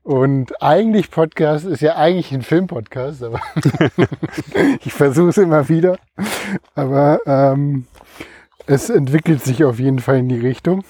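Middle-aged man, husky, mellow, dry sound, halting casual storytelling while running. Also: on the high side, no echo. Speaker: podcast co-host. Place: outdoors, on the move.

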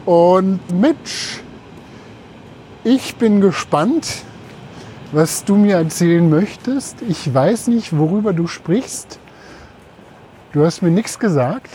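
A man's voice: high-pitched, animated, takes it slowly, long pauses, warm tone. A man co-hosting a casual podcast, talking as he walks along outdoors. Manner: talking while on the move outdoors. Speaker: podcast co-host. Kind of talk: casual podcast chat while walking. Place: outdoors on a city route beside railway tracks. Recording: outdoor ambient noise, passing vehicles.

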